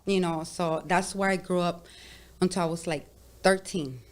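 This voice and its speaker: A woman's voice: fairly low pitch, steady tone, normal speed. A young woman from Sonora, Mexico, chatting openly as a podcast guest, full of "like" and "you know". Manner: open, chatty, says "like" and "you know" often. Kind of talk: casual interview chat.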